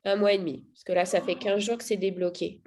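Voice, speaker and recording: A mother telling how her child has changed, speaking casually with frequent pauses, fillers and restarts. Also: mid-range voice, steady tone, warm tone. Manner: hesitant, many fillers and restarts. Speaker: mother giving a testimonial. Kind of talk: casual spoken testimonial.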